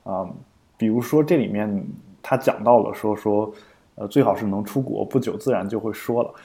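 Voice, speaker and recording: A man's voice: fairly low pitch, moderate pace, vocal fry, mellow. A man co-hosting a podcast in casual explanatory chat, thinking aloud with frequent fillers and restarts. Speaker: podcast co-host.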